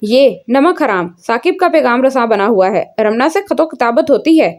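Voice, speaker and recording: Suspicious jealous young man from a story, read by a woman, sharp and accusing. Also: fairly high pitch, lively intonation, moderate pace, close to an everyday voice.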